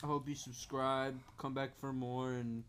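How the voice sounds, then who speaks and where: A man's voice: mid-range voice, level tone, a little slow, fairly bright tone. A man hosting a casual home vlog, joking around and swearing constantly while filming with a handheld camera indoors at home. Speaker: vlog host. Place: indoors at home, dim room. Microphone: handheld camera or phone. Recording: noisy home recording.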